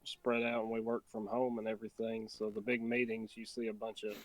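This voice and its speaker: A man's voice: fairly low pitch, monotone, a little fast, no echo, rough recording. A man in a casual interview chat, talking in an easygoing, rambling way. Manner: easygoing, rambling, with many restarts and fillers.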